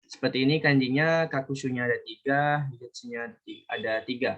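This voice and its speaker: A man teaches an online language class in a loose, chatty way, often stopping to fix his own slips. His voice sits at an ordinary pitch. The sound is dull and lo-fi, as if it comes through a computer mic on a call. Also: brisk, a bit bright. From Indonesia. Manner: chatty, self-correcting, talks to students directly. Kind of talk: casual online class lesson.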